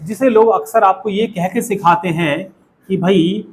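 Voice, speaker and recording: Indian guy teaching english class, highish voice, keeps asking the class to repeat, bit of noise behind. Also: measured pace. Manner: asks the class questions and has them repeat.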